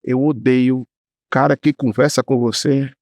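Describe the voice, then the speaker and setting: Animated slangy police storyteller, man. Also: medium pitch, unhurried, no room sound. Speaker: police commissioner. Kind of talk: casual anecdote telling on a podcast.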